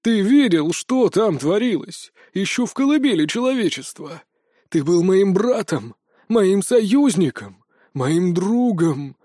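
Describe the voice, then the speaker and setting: A man voicing a sarcastic, whiny ancient male trickster god with a shrill, theatrical manner. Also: very animated, takes it slowly, warm tone, dry recording, clean studio sound, heavily acted. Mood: pleading.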